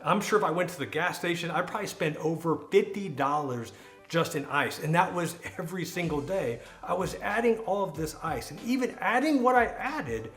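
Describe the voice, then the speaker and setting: A man's voice: on the high side, expressive, normal speed, fairly bright tone, faint music behind. An American man telling a personal story in a casual, conversational vlog style, leaning on words and repeating them for emphasis. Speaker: vlogger.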